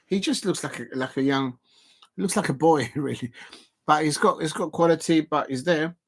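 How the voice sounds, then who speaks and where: Talking casually over a match he's streaming, this Colombian man runs a football watch-along full of fillers, false starts, and excited outbursts. His pitch is a little high and his speed moderate.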